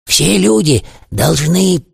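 A man reads a children's fairy tale aloud, slow and expressive. His voice is gravelly and his pitch swings widely. Music plays behind him. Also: no room sound, studio quality. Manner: animated, expressive. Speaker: storyteller.

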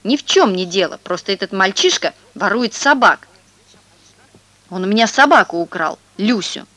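A stout, furious man shouts accusations in a raised, loud voice, as a woman reading a storybook puts him on. The delivery is dry and close, pitched above her own voice. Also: animated, normal speed, no room sound. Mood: angry shouting. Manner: bellowing, accusing.

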